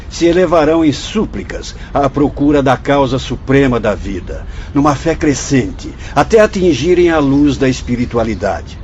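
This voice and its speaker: In a radio drama, a Brazilian man plays a solemn, fatherly spirit doctor guiding visitors through a hospital, speaking in formal, didactic, measured phrases. His natural voice is a little high and a little mellow. The audio is dull and lo-fi, with faint noise.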